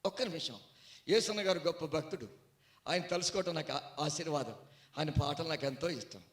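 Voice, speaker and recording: A man preaching a sermon in a storytelling way, swinging from hushed tones to loud outbursts. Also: a little high, fairly quick, roomy sound. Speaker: guest preacher.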